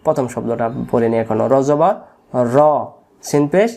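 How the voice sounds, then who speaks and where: A man with a Bangladeshi Bengali accent teaching Quran recitation, slowly repeating each letter sound for learners to copy. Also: mid-range voice, animated, mellow. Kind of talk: tajweed lesson.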